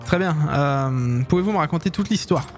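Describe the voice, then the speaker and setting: A man voicing a polite young male private detective in a fan dub of a game scene, courteous and measured. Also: fairly high pitch, lively intonation, faint music behind, lightly acted. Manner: courteous, measured, a few slips.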